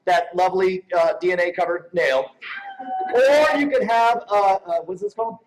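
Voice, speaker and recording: On a live event stage before an audience, a stage magician co-presenting an awards show delivers joking, teasing showman patter. His voice is high and his pace moderate, and the rough recording picks up crowd noise.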